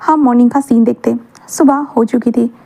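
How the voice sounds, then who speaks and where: A woman's voice: fairly high pitch, steady tone, moderate pace, vocal fry, dark tone. A woman casually retelling a fan fiction story, mixing English words into her narration.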